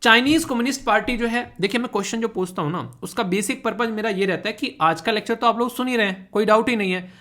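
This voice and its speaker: A man's voice: high-pitched, fast talker, pushed and bright. Chatty male exam-prep teacher. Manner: chatty, teasing, mixes English terms into Hindi; keeps checking in with students. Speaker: current affairs teacher. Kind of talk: online exam-prep lecture.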